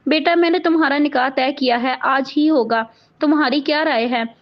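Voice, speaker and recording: A woman reading the lines of a gentle, worried older father who speaks softly. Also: high voice, moderate pace, natural voice. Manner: soft, consoling. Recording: dull lo-fi audio.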